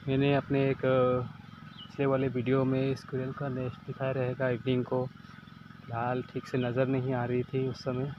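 Young man vlogging outdoors over loud noise. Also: mid-range voice, monotone, moderate pace, lo-fi sound. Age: young adult. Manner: chatty, addresses viewers as friends. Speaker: village vlogger. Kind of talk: casual vlog narration. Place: outdoors in a village yard. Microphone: phone camera held while walking. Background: chickens and birds outdoors.

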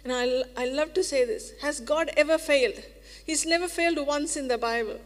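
A woman's voice: sits high, moderate pace. A woman preacher giving a sermon in an earnest, reassuring way, repeating phrases for emphasis. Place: church hall. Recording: reverberant church hall.

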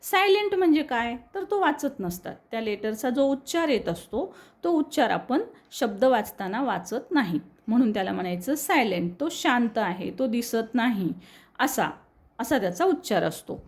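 A woman with a Marathi accent, teaching English reading to students and slowly repeating each word for them. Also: on the high side, very animated. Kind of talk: explaining a lesson on screen.

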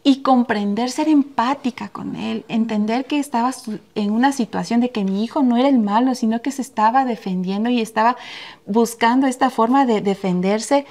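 Podcast co-host, woman, middle-aged, a bit high, gravelly edge, animated storyteller. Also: normal speed. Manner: animated, acts out quoted dialogue. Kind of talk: casual conversational storytelling.

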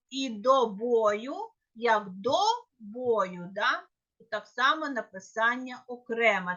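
A woman lectures on grammar in a high, bright voice, taking her time over each example. She explains with care and sometimes stops to correct a slip. The recording sounds muffled and lo-fi. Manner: careful, with small self-corrections. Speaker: teacher. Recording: dull lo-fi recording.

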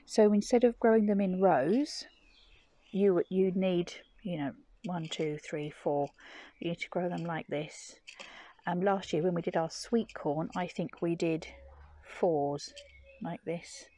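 Slow, low-voiced woman gardener. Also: fairly even intonation, dark tone. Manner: chatty, explanatory, low-key. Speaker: gardening vlogger and parent. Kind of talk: casual gardening vlog narration. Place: garden outdoors and at home.

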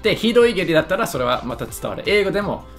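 A man's voice: high-pitched, big pitch swings, very fast, fairly bright tone, soft background music. A man giving casual, joking commentary on a lesson video, often stumbling over his words and making fun of himself. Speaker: YouTuber reacting to a lesson video.

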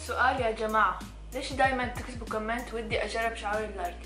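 A woman's voice: fairly high pitch, steady tone, rapid-fire, bright, forceful tone. A young woman of sixteen with a Levantine Arabic accent, chatting casually as a vlog co-host. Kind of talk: casual chat. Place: living room couch, indoors. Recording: echoey room with music.

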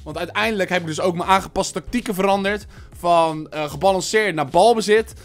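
A slightly high-voiced young man from the Netherlands talks his viewers through his football game in loose, chatty commentary and shouts when something big happens. He mentions that he has a headache. Faint game music plays underneath. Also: fairly quick. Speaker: gaming video host. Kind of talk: casual gameplay commentary.

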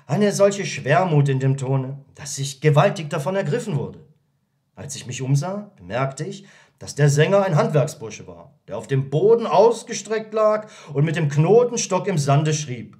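A man narrating a satirical story in an audiobook, telling it in a lively, expressive way. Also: on the high side, a little slow. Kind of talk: scripted narration.

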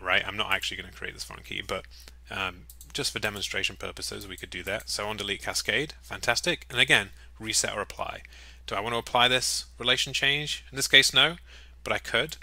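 A man with a lowish voice talks through a software demo in a relaxed, jokey way, as if recording his screen at his desk. His tone is very bright and forward. The sound is close and dry, with faint mouse clicks under his voice. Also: no room sound. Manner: upbeat, chatty, jokey asides. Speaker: software walkthrough presenter.

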